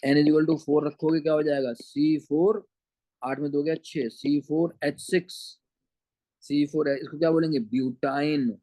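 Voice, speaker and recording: A man with a Punjabi-flavoured Hindi accent gives an online chemistry lecture in a slightly high voice. The recording is dry and close, without room echo. He calls his students beta and keeps asking whether they have understood. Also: little pitch movement, measured pace, warm tone. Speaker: chemistry teacher.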